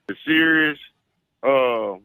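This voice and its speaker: A man with an Arkansas Southern accent, talking as an animated sports fan calling in, boastful and emphatic, repeating his phrases for effect. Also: mid-range voice, slow, gravelly, smooth, no echo. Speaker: call-in guest, self-styled football scout.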